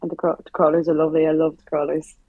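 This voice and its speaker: A woman's voice: sits low, level tone, very fast, narrow, tinny audio. A young woman with a west of Ireland accent, chatting informally as a guest in a casual interview. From Galway, west of Ireland. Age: young adult. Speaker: tower crane operator, interview guest.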